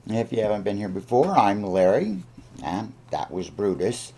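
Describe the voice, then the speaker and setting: A man hosting a casual, unscripted vlog update, speaking haltingly with frequent ums and pauses. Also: lowish voice, big pitch swings, mellow, breathy edge. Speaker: video channel host.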